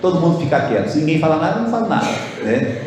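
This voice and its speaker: A Brazilian pastor with a fairly high voice preaches in a loose, conversational way and keeps asking his listeners questions. His words ring through a church hall with a long, strong echo that trails after each phrase. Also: big pitch swings, racing, darkish tone. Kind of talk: sermon.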